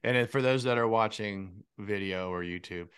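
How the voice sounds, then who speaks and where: A man hosting an interview podcast, upbeat and quick to affirm his guest. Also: on the low side, fairly bright tone, clear, resonant tone. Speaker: podcast host. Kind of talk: conversational interview.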